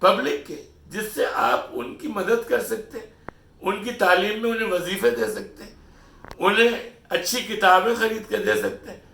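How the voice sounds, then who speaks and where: A man's voice: high voice, gravelly, fairly bright tone. A middle-aged man from Pakistan delivering an opinion monologue, lecturing and scolding his listeners with rhetorical questions. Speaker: channel host. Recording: echoey room, voice distant from mic.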